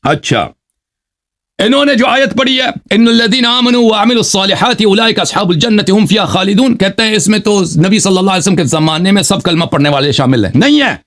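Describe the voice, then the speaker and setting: A man hosting a heated live religious debate, insistent and combative, who keeps pressing his opponent for answers and recites scripture slowly between quicker arguments. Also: sits high, animated, a bit bright. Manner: cites scripture slowly, then speeds up to argue. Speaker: debater and channel host.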